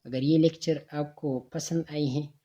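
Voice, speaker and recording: A man's voice: fairly high pitch, fairly even intonation, a little slow, mellow, lo-fi sound. A man teaching a recorded grammar lecture, explaining patiently step by step and sounding out examples syllable by syllable.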